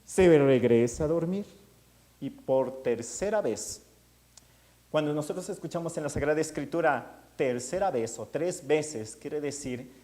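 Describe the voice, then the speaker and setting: A man, a priest giving a sermon in an animated storytelling way. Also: on the high side, a little slow.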